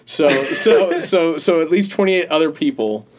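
A man's voice: on the high side, animated, measured pace, noisy background. A man co-hosting a podcast, chatting casually, rambling through stories and laughing often. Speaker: podcast co-host. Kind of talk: casual chat.

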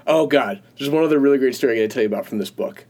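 A man's voice: medium pitch, racing, darkish tone. A man co-hosting a podcast, chatting casually, rambling through stories and laughing often. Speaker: podcast co-host. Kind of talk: casual chat.

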